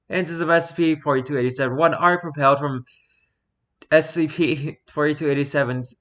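A man's voice: mid-range voice, a bit bright. A man casually reading a story document aloud and adding dry, sarcastic asides. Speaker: reader.

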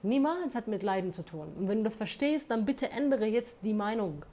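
In a room, a woman vlogger addresses her phone camera with an emphatic motivational monologue, frequently tacking on tag questions. Her mid-range voice is warm and expressive, moving at a normal pace.

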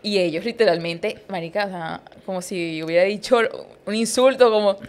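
Young woman on a podcast, expressive, does little impressions in her stories. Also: medium pitch, moderate pace. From Colombia. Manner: expressive, imitates accents in anecdotes. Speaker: podcast guest. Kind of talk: casual chat.

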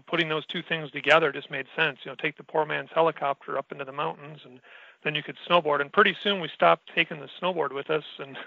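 A middle-aged man from Wisconsin, a sled brand's sponsor, telling stories in a relaxed way as a podcast guest. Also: on the high side, gravelly, no echo, highs cut off. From Wisconsin, US Midwest. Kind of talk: casual podcast interview.

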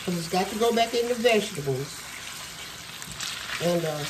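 In her home kitchen, a cooking show host gives a casual demo, chatty and folksy with lots of fillers. Her cold-worn voice is lowish and animated, at a normal speed, against a noisy background.

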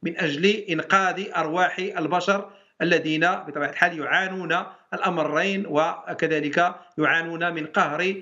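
A man's voice: on the high side, steady tone, fairly quick, pushed and bright, dull audio. A man, a professor of international law, speaking emphatically in a TV debate with rhetorical questions and fillers. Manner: declamatory, many fillers and repeated rhetorical questions.

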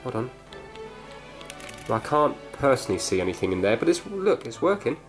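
Music sits in the background as a man of medium pitch, swinging widely in intonation at a moderate pace, narrates a repair video. Working hands-on at a cluttered indoor workbench, he thinks aloud and tentatively explains each step, with clear background noise and handling clicks audible.

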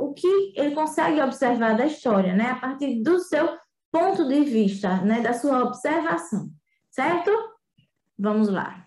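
A woman teacher giving a remote reading lesson in a chatty way, full of tag questions. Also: sits high. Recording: echoey room.

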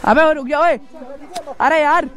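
High-voiced exasperated young man pleading. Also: a little slow. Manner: pleading, exasperated, trying to stop a fight. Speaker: motovlogger. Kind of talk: casual vlog argument.

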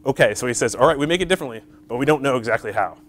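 A man's voice: medium pitch, animated, very fast, a bit bright, a little hiss or hum. A man giving an academic conference talk, explaining step by step with frequent fillers and questions to the audience, in a lecture hall. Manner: explains step by step, checks in with "right?" and "okay?".

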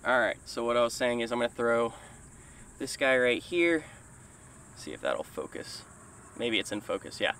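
A man's voice: medium pitch, big pitch swings, moderate pace, pauses often, a bit bright, clear, resonant tone. A young man vlogging from a small boat, chatting casually and thinking aloud while he fishes, recorded on a boat-mounted action camera. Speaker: fishing vlogger. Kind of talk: casual outdoor commentary. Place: small boat on open water outdoors.

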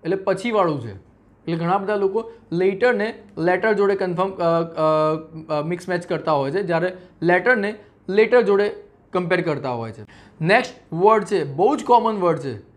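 A man's voice: high voice, normal speed. A man with a Gujarati accent teaching English pronunciation, spelling words out letter by letter and acting out common mistakes. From Gujarat, India. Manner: acts out common mispronunciations with everyday examples. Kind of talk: teaching lesson.

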